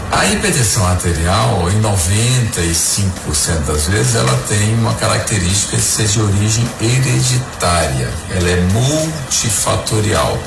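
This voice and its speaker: A man who is a doctor explains a medical condition with some hesitations. His low voice has a gravelly edge. He sounds echoey, with music underneath. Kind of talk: interview soundbite.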